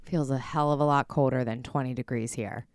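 A woman's voice: extremely low pitch, steady tone, a little fast, clear, resonant tone, dry recording, studio quality. A woman co-hosting a podcast, trading casual banter and stories. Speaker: podcast co-host.

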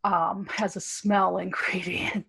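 A woman's voice: mid-range voice, flat delivery, takes it slowly, vocal fry, bright, forceful tone, breathy edge, dry recording. A woman co-hosting a podcast over a video call, chatting casually with a wry, curious manner. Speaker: podcast co-host. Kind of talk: casual chat.

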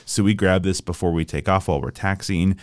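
A man's voice: deep voice, fairly even intonation, a little fast, no room sound, clean studio sound. A young man hosting an aviation podcast, chatting casually and explaining flying terms plainly. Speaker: podcast host.

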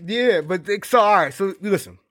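A man co-hosting a casual podcast chat, talking in a relaxed, musing way about himself. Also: high voice, moderate pace, crowd noise. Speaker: podcast co-host.

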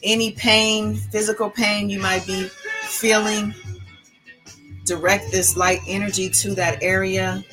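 A woman guiding a breathing meditation in a calm, meditative, slow and deliberate way. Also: mid-range voice, over music. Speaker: host of an online spiritual channel.

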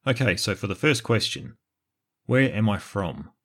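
An Australian man hosting a history podcast, reading scripted narration in a measured, explanatory way. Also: fairly low pitch, animated, husky. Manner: measured, explanatory, answers listener questions.

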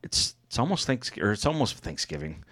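A man's voice: mid-range voice, sing-song, normal speed, fairly bright tone, breathy edge, dry recording, clean studio sound. A man chatting casually and irreverently as a podcast co-host. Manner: irreverent, sweary. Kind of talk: casual banter.

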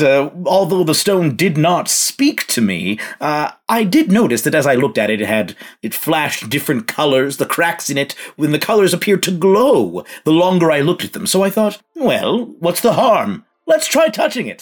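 A man's voice: fairly high pitch, big pitch swings, normal speed, few pauses. A man playing a genteel psychic who speaks telepathically into a listener's mind, in a courtly, rambling, hesitant way during tabletop role-play. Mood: wistful, awed.

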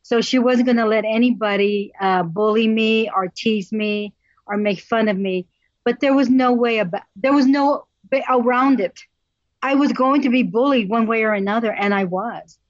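A woman guest on a video call who tells her story openly and speaks slowly and warmly. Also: on the high side, dry recording. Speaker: guest, artist and activist. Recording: dry, dull video-call audio.

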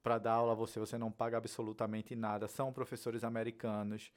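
A man's voice: lowish voice, quick pace. A man from Brazil, a podcast guest chatting casually and acting out conversations as he tells stories. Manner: animated storyteller, acts out dialogue. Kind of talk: casual chat. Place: United States.

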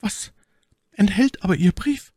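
A man's voice: sits high, unhurried, a little mellow, no echo, clean studio sound, voice pushed up. A man voicing a distressed young lady's maid who stammers and pleads. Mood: tearful. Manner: stammering, plaintive.

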